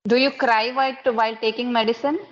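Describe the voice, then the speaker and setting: Brisk and steady in tone, this woman's voice is on the high side, and the audio is lo-fi. A thirty-something native Kannada speaker from Karnataka, she uses Indian-accented English to run a patient, question-by-question conversation practice full of simple questions.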